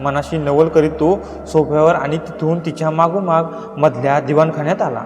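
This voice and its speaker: Measured male horror storyteller, echoey. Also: a little high, fairly even intonation. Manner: measured, descriptive reading. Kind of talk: scripted horror story narration. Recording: echoey reverberant room, faint music.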